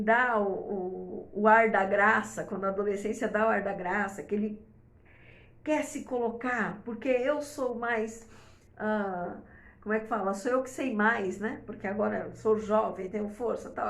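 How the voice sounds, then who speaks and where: A middle-aged mother rambles casually to camera with parenting advice, full of fillers and tag questions. She often pushes her voice up high for emphasis, and the unhurried delivery has a roomy sound.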